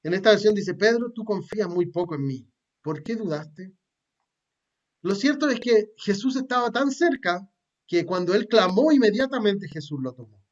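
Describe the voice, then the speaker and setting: A man's voice: sits high, lively intonation, moderate pace, lo-fi sound. A man with a Chilean Spanish accent preaching a sermon, reading scripture aloud and explaining it in a plain, conversational way with fillers and repeated words. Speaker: pastor.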